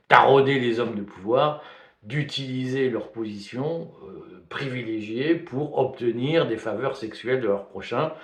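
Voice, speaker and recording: A man from Belgium, giving spoken video commentary in a hesitant way, full of fillers and restarts. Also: medium pitch. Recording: roomy echo.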